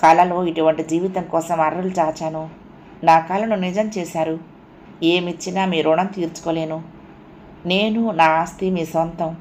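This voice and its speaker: Woman doing a softly coaxing young lover. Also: on the low side, fairly even intonation, a little slow, slight background noise, close to an everyday voice. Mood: tender coaxing. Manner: soft, coaxing, murmured.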